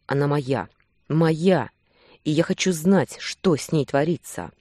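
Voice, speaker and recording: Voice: medium pitch, expressive, slow pace, a little mellow, dry recording, clean studio sound. The reader voicing a possessive, hot-tempered male werewolf who presses and commands in a romance audiobook. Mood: demanding.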